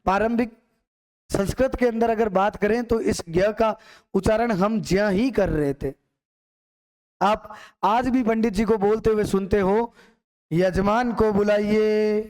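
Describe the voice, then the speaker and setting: A man's voice: high voice, a little slow, darkish tone. A young man teaching a grammar lesson, asking questions and answering them himself as if a student had asked.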